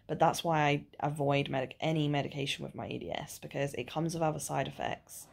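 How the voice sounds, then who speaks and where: A woman's voice: low-pitched, fairly even intonation, fairly quick, vocal fry, darkish tone. A woman in her twenties talking casually to her video diary, tired and nauseous, speaking wearily with a sore jaw after dental surgery. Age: 20s. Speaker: vlogger. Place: small living room or bedroom at home.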